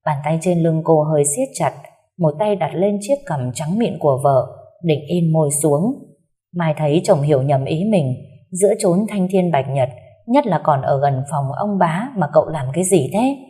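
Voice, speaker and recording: A woman narrating a romance story aloud in a gentle, steady storytelling manner. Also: low voice, normal speed.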